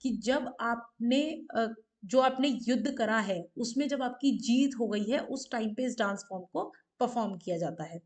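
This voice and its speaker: A woman's voice: a little high, unhurried, a little mellow. Woman teacher explaining with mnemonics. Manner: explanatory, repeats questions and "ठीक है" often. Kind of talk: exam-prep lecture with mnemonics.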